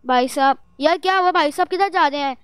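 A woman giving excitable, jittery gameplay commentary as a vlogger, with loud exclamations while playing a horror game. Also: high-pitched, fairly quick, no echo. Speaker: gaming vlogger.

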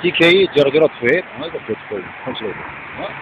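A man's voice: fairly high pitch, big pitch swings, normal speed. Rambling man on a dull lo-fi recording. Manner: rambling, mixes English words into his talk, keeps interjecting short questioning grunts. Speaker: vlogger. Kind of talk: rambling street monologue. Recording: dull lo-fi recording with faint background noise.

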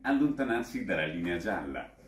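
A man imitating a male train station loudspeaker announcer with a measured, formal announcing cadence. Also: deep voice, very animated, echoey room.

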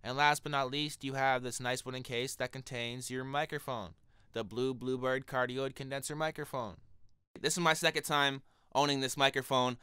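He's a young music producer with a cold, casually reviewing a microphone from his small home studio and speaking straight to viewers in a relaxed, chatty way. His voice is higher-pitched and smooth at a moderate pace, recorded on a studio condenser mic on a stand before him with no room sound.

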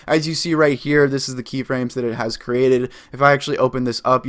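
A young man talks through an editing tutorial at his desk, upbeat and instructive. He walks through each click step by step in a plain, middle-pitched voice, recorded on a desk microphone in a small room. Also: a bit bright. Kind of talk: screen-recorded software tutorial.

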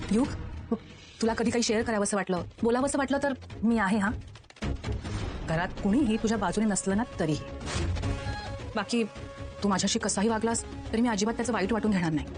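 An actress playing a scheming young woman in a TV serial, coaxing and falsely sweet, heard in a clip with loud background music. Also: on the high side, moderate pace, long pauses, close to an everyday voice. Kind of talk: TV serial acting.

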